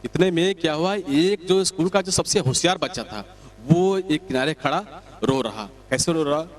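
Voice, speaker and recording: A man's voice: on the high side, normal speed. Chatty male comic storyteller. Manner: chatty, lively narration with asides to the audience. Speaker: comedian.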